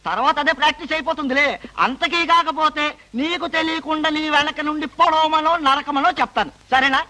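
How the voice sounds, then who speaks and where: A man's voice: very high-pitched, fairly even intonation, fairly quick, bright, forceful tone, exaggerated voice, poor audio. An actor playing a scheming comic lawyer who teases his client in film dialogue. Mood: mocking. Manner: mocking, teasing.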